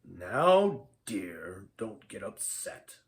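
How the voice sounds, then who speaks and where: A man voicing a fussy old male wizard who talks softly and mutters. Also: mid-range voice, expressive, moderate pace, close to an everyday voice. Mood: soothing.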